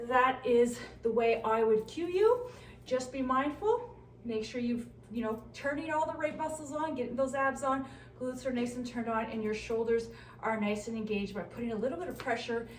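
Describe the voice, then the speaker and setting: A woman fitness instructor explaining exercise form step by step, encouraging and cueing body positions as she demonstrates. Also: sits high. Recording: roomy, distant mic, some noise.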